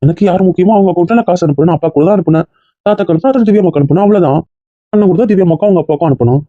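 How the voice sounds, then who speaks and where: A man's voice: high-pitched, racing, no echo. A young man playing a stubborn groom who argues defiantly with his family. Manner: defiant, argumentative. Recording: muffled lo-fi sound.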